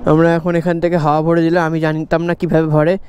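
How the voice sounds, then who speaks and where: A man's voice: fairly high pitch, quick pace, soft background music. Young man narrating a bike ride. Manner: relaxed, chatty, jokey narration of the ride. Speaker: motorbike rider and co-vlogger. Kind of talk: casual travel vlog narration. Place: roadside stops and fuel station, outdoors.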